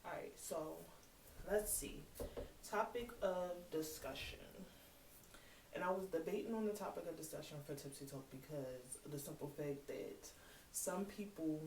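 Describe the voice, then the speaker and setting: A woman's voice: deep voice, warm tone. Casting note: woman, 30s, vlogger, blunt and fired up, cusses often, roomy echo, mic set back, light hiss. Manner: blunt, heated, swears freely. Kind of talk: casual monologue. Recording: echoey room, mic at a distance, faint hiss.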